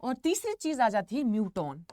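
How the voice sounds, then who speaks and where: A woman's voice: on the high side, very animated, normal speed, warm tone, no echo, studio quality. A young woman with an Indian accent giving an online lecture to students, repeating key points with emphasis and calling them kids. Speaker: teacher.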